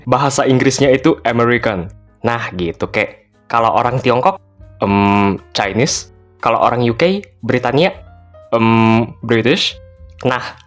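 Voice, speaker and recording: Male explainer host, jokey casual delivery, mid pitch, faint music under. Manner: playful, joking, chatty slang. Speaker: host of an educational channel. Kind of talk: casual scripted explainer narration.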